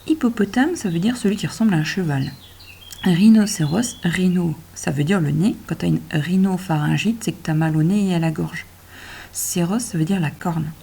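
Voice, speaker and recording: A woman teacher gently guiding a child through handwriting and reading, speaking directly to them and stretching words out. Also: lowish voice, gravelly, slightly rough. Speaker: primary school teacher.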